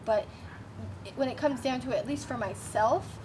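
Woman, halting and heartfelt, slightly high, mic far off, outdoor noise.

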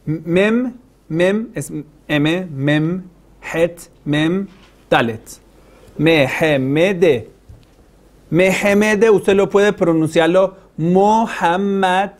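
Emphatic high-voiced male lecturer. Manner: emphatic, addresses listeners directly with questions. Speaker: religious lecturer. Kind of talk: recorded class lecture.

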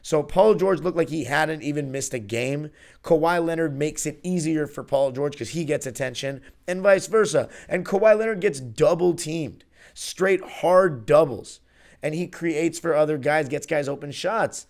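In a small room before a virtual arena backdrop, a young podcast host in his twenties speaks at normal speed in a somewhat high, slightly mellow voice. He analyzes a basketball game solo after it ends, rambling like an eager fan and often correcting himself mid-sentence, with a studio mic on a stand in front of him.

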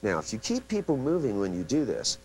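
Lively, animated male seminar trainer. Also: mid-range voice, fairly quick, a little hiss or hum, low-quality recording. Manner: animated storyteller who acts out quotes; many restarts and asides. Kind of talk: live seminar lecture.

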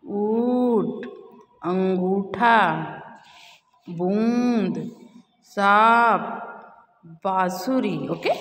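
A woman teacher giving a kindergarten language lesson, stretching out each word slowly and asking her students questions as she goes. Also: mid-range voice, a little hiss or hum. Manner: slow, drawn-out reading of words; addresses students directly, repeating questions. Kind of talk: online kindergarten Hindi lesson. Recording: echoey room with long reverb, faint ambience.

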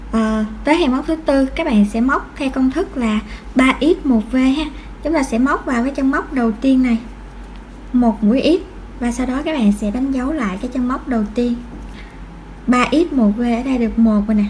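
A woman's voice: a little high, a little mellow, a little hiss or hum. A woman giving patient step-by-step crochet instruction, counting stitches aloud. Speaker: crochet tutorial host.

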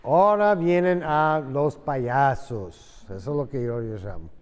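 Slow-spoken man teaching English in Spanish. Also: mid-range voice, smooth, long reverb tail. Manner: slow, patient explaining, switching between Spanish and English. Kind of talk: classroom lesson in Spanish and English. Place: classroom.

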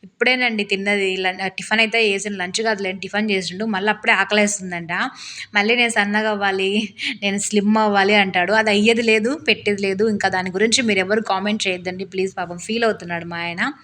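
A hoarse woman narrating her cooking vlog in a chatty, rambling voice-over. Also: medium pitch, fairly even intonation, fast talker, a bit bright. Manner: rambling, talkative, complains with humor. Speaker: cooking vlogger.

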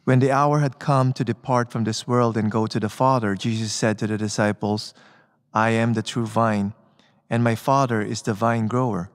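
A man's voice: medium pitch, steady tone, normal speed. Male priest in an echoing church. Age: middle-aged. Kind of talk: Gospel reading and homily from the lectern. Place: inside a church, at the lectern. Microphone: gooseneck lectern microphone. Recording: cathedral echo, long church reverb.

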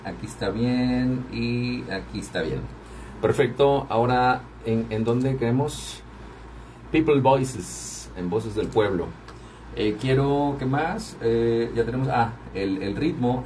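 A man hosts a live stream, chatting casually with viewers while he works the controls and runs the music, as a radio and livestream host. He speaks slowly at medium pitch with a slightly mellow voice. He's far from the mic, with a little hiss or hum.

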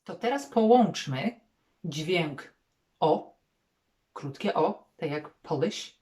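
Middle-aged woman as a pronunciation teacher: unhurried, deep for a woman, repeats each word with care. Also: expressive, warm tone, husky. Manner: patient, modelling English words slowly and repeating them. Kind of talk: online pronunciation lesson.

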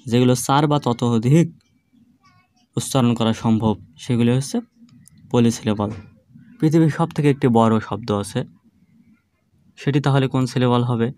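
A man teaching an online grammar lesson, explaining patiently and drawing words out slowly, syllable by syllable. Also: medium pitch, darkish tone, a little hiss or hum. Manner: slow, drawn-out syllable-by-syllable demonstrations; patient, explanatory classroom delivery.

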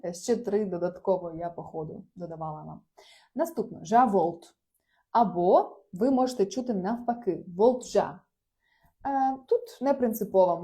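A woman with a soft, mellow voice leads a casual online language class. She explains phrases patiently and laughs easily between examples. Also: medium pitch. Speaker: Portuguese language teacher. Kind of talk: live online lesson, reading chat replies.

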